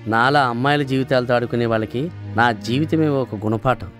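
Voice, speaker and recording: A man's voice: mid-range voice, fairly quick, a bit bright, soft background music, natural voice. An actor playing a henpecked clerk who tells the rueful story of his forced marriage in a comedy film. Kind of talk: comic film acting.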